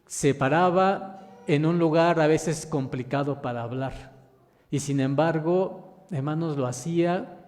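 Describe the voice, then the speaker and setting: A man's voice: mid-range voice, a little mellow. A man minister preaching a sermon, reading scripture aloud and putting questions to the congregation, whom he calls brothers. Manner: addresses listeners as brothers. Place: church. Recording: long church reverb.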